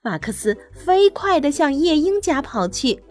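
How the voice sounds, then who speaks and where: A woman telling a bedtime story to children in a gentle, soothing, motherly way. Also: high-pitched, sing-song, unhurried, faint music behind.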